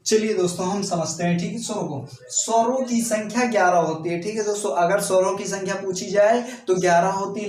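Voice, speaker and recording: A man's voice: high-pitched, a little mellow, a little hiss or hum. A man teaching an exam coaching lesson who keeps checking in with his students and draws out sounds to demonstrate them. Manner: keeps repeating "ठीक है दोस्तों", drawing out sounds to demonstrate. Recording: echoey room, off-mic.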